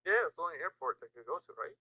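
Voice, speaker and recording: A man's voice: on the high side, lively intonation, rapid-fire, no room sound, lo-fi sound. A man chatting casually with friends while gaming, teasing them and swearing. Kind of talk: casual chat.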